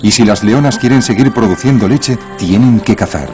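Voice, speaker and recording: Nature documentary narrator: man, lower register, music behind. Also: moderate pace. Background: music bed.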